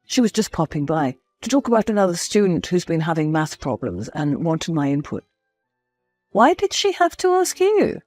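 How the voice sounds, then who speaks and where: A woman voicing a flustered, evasive male schoolteacher husband making hurried excuses in a story. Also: on the low side, very animated, darkish tone, no echo, soft background music. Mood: defensive.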